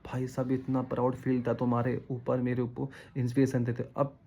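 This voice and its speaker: A man's voice: mid-range voice, monotone, a little fast, creaky, mellow, a little hiss or hum, rough recording. A man delivering a casual, rambling opinion rant to his viewers, scolding and disappointed, often repeating himself. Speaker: vlogger.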